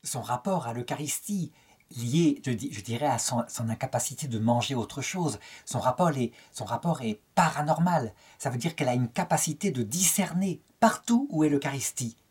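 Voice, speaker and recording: A man's voice: medium pitch, lively intonation, normal speed, darkish tone, breathy edge. A middle-aged French man giving a spoken lecture on a saint's life, telling it as a story and lifting his tone to quote the people in it. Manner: storytelling, quotes dialogue with lifted tone.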